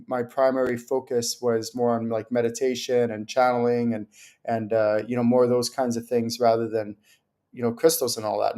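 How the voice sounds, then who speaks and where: A man's voice: mid-range voice, dark tone. A man hosting a spiritual question-and-answer livestream, explaining in a loose, rambling way and acting out little anecdotes. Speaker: spiritual teacher hosting a Q&A show. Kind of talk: casual livestream talk.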